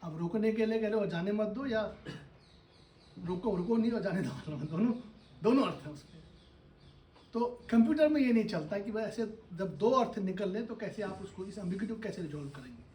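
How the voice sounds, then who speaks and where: A man's voice: high voice, expressive, normal speed, darkish tone, a little hiss or hum. A man, a university professor, giving a lecture and explaining ideas with everyday examples, often checking in with his listeners. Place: lecture hall. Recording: echoey hall, voice from a distance.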